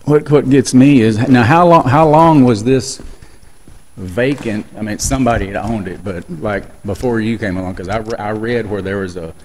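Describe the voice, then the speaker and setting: A man's voice: on the low side, moderate pace, darkish tone, a little hiss or hum. A man touring an abandoned school, chatting curiously and often restarting his sentences. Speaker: urban explorer host. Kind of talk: casual walkthrough chat. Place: inside an abandoned school building.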